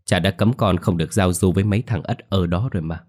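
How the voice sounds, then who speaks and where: Male reader doing a cruel old village landlord; deep, stern, dripping scorn. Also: fast, darkish tone, natural voice. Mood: scornful. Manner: stern, scornful, low and clipped.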